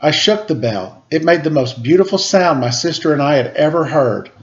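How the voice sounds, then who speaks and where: A man's voice: fairly high pitch, expressive, moderate pace, muffled recording. A man reading a children's picture book aloud as a storyteller. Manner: acts out quoted dialogue.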